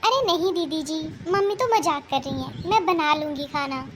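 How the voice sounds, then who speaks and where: A woman's voice: sits high, moderate pace, a bit bright, a little hiss or hum. A woman voicing a meek, polite newly married daughter-in-law in a cartoon. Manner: polite, submissive. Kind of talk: cartoon voice acting.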